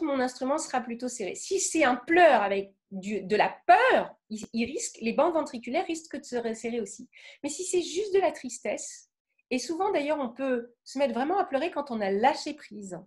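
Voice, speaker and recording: A French woman giving a lively talk on the voice, acting out emotions with sudden vocal bursts and often checking in with her audience. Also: sits high. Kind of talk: lively spoken lecture with demonstrations.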